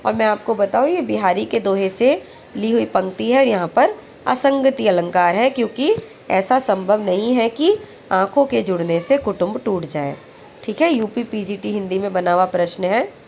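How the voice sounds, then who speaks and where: A woman teaching exam-prep lessons who recites verse slowly and then explains each question step by step. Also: mid-range voice, animated, vocal fry, a little mellow, slight background noise.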